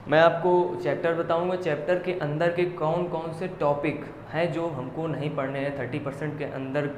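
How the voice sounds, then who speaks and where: A man's voice: fairly high pitch, moderate pace. Man listing topics in an echoey room. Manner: steady listing with frequent "theek hai" check-ins. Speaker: coaching teacher. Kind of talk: reading out a syllabus list. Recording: echoey room with faint noise.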